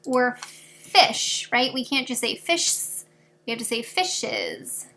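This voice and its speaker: Bright, high-voiced teacher explaining a lesson. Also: female voice, little pitch movement, moderate pace, slight background noise. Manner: patient, explains step by step with examples. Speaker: fourth grade teacher. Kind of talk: recorded video lesson.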